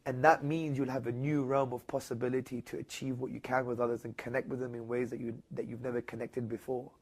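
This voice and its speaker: A man being interviewed, telling a story in a lively conversational way. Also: fast talker. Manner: animated, rising high when retelling others' words. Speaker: interview guest.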